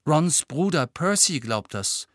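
A man's voice: fairly high pitch, very animated, takes it slowly, a bit bright, no room sound, clean studio sound, voice pushed up, exaggerated voice. A man reading an audiobook, voicing an earnest, protective teenage boy who pleads insistently. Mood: urgent, worried.

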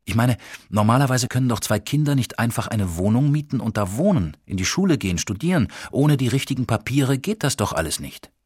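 A man voicing a trusting, gentle female schoolteacher in an audiobook, speaking earnestly and with soft insistence. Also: mid-range voice, big pitch swings, fairly quick, husky, dry recording, clean studio sound, voice pushed up. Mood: curious. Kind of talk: audiobook character voice.

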